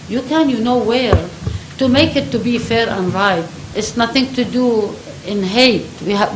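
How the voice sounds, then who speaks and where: A woman's voice: on the high side, echoey room, slight background noise, rough recording. A woman from Lebanon with a Lebanese accent, giving an impassioned public comment at a county board meeting in broken, repetitive English. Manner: emphatic, broken English, repeats herself.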